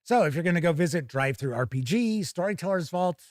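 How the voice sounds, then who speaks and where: A man with a slightly high, expressive voice briskly hosts live tabletop gaming news, chatting through items and viewer comments with wry asides. The audio is clean studio sound, free of echo.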